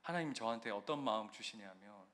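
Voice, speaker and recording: Animated Korean pastor preaching. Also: male voice, on the low side, quick pace. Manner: animated preaching, swings from loud emphasis to quiet storytelling. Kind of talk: sermon.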